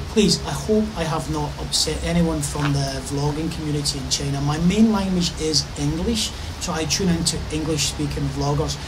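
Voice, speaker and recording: A middle-aged vlogger with a fairly high-pitched voice talks to the camera from a covered pavilion in a park, sounding enthusiastic and casual. He gestures with his hands as he speaks, and there's background noise.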